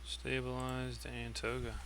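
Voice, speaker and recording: A man speaks into a headset mic in clipped pilot phraseology, reading back clearances and calling out each takeoff step. His delivery stays level and flat, and his tone is bright and forward. The words come out as short, businesslike cockpit callouts. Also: medium pitch, slow, a little hiss or hum, poor audio. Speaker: flight sim streamer flying as pilot.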